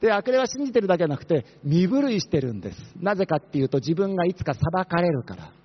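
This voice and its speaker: Fast-talking pastor guy, high voice, muffled sermon recording. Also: very animated, husky. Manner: fast-talking, asks the congregation questions.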